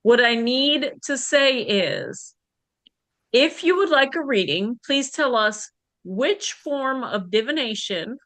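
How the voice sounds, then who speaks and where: Bright-voiced, unhurried woman hosting. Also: a little high, dry recording. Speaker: host and divination reader. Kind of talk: casual live-stream hosting.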